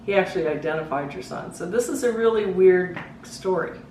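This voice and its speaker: Middle-aged woman, grieving mother, earnest and halting, lowish voice, distant mic, echoey living room. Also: darkish tone. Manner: earnest, halting, voice rising and breaking when distressed. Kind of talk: emotional personal testimony. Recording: roomy, distant mic, faint background hiss.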